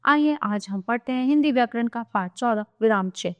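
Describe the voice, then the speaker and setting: A woman's voice: a little high, fairly quick, muffled recording. Woman teaching a grammar lesson. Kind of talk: scripted grammar lesson for children.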